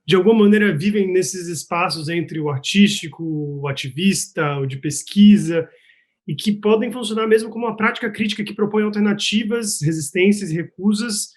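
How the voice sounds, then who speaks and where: A researcher from Salvador, Bahia, speaks earnestly with a Bahian Brazilian Portuguese accent as a panelist in a casual online panel over video call. His voice is high-pitched at a moderate pace, and he hesitates with fillers.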